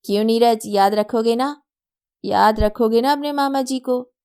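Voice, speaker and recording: A woman's voice: a little high, measured pace, clear, resonant tone. A woman voicing a jovial, teasing young man who indulges his little nephew. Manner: playful, loud hawker calls.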